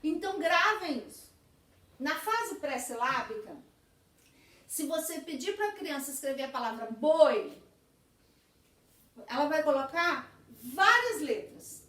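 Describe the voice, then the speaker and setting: High-voiced woman teaching in an echoey room. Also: animated, slow pace, long pauses, a bit bright. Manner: patient, explanatory, often ends points with tag questions. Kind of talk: recorded lecture explaining literacy stages. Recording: echoey room, voice from a distance from the mic.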